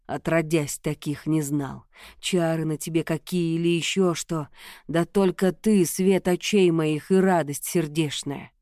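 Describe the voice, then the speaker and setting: Woman voicing a gruff hulking blacksmith. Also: low voice, fairly even intonation, unhurried, a little mellow, dry recording, studio quality. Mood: wheedling. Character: hulking young male village blacksmith, gruff and possessive. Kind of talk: audiobook character reading.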